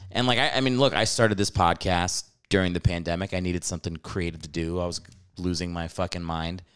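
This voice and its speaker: A man's voice: low voice, steady tone, a little fast, a bit bright, clear, resonant tone. A male podcast host in easy conversation, teasing his guest and backing him up. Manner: easygoing, teasing, affirming. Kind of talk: casual podcast chat.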